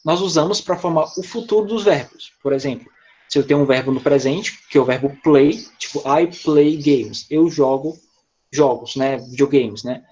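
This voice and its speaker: A man's voice: medium pitch, normal speed, darkish tone, lo-fi sound. A male English teacher with a Brazilian Portuguese accent, explaining grammar step by step in an online class over a video call. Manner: patient, explains step by step with frequent "tá?" and "né?".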